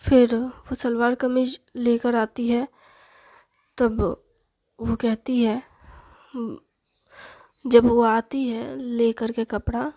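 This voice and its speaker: A woman narrating a family story casually, in a slow, halting way. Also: on the high side, warm tone, no echo, studio quality.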